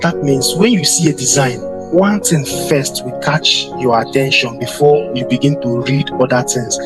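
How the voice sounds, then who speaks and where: A man's voice: mid-range voice, moderate pace, rough recording. A man teaching a design class, often repeating and restarting his words and speaking straight to his students. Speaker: design instructor. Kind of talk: classroom lecture on slides. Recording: voice over strong background music.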